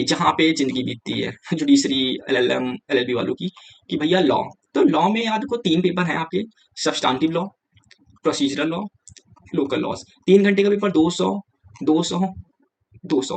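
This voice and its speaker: A man's voice: on the high side, creaky. A young man teaching exam preparation in a casual, direct lecture, switching between Hindi and English and often saying "yaar" to his viewers.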